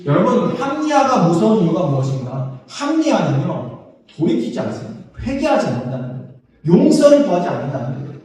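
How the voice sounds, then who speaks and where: A man preaches in a high, bright-toned voice. His words ring through a long, echoey church hall. He sounds a little distant from the microphone. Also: big pitch swings. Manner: leads congregation in slow unison scripture reading; acts out biblical dialogue in a casual voice. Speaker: pastor. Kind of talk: sermon. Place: church sanctuary.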